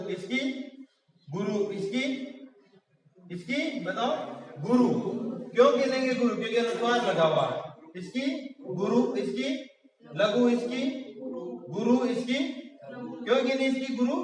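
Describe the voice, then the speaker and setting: A man with a high voice teaches a lesson step by step and keeps firing questions at his listeners. He stands away from the mic. His voice rings through a hall with a long, echoing tail. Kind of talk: classroom lecture. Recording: echoey room, far from mic.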